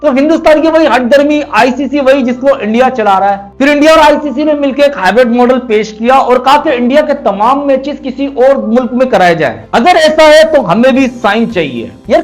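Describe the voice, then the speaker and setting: A man commentating on cricket in a sarcastic, mocking opinion monologue. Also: very high-pitched.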